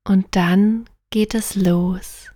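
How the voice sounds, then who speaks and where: Female sleep story narrator: soothing, softly near-whispered guided relaxation, evenly pitched, in a slightly roomy echo. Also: steady tone, extremely slow, clean studio sound.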